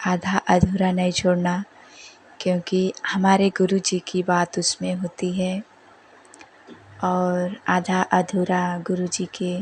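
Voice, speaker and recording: A woman telling listeners about a devotional dream, slow and even, addressing them again and again. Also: fairly low pitch, slightly rough. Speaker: devotee sharing a dream testimony.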